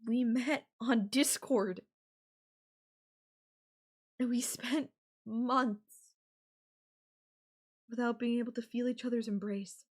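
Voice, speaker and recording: Pained devotion colors this take, delivered in a fairly high, steady voice. The same woman plays the obsessive, possessive, murderous girlfriend of the ASMR roleplay, lingering over phrases and pausing deliberately.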